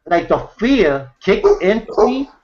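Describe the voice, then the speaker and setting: Man, high voice, rambling, lots of fillers, muffled lo-fi call audio. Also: sing-song, slow pace, darkish tone. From New York City, USA. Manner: rambling, many fillers and restarts. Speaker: host of an online hangout. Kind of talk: casual storytelling chat. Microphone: video call.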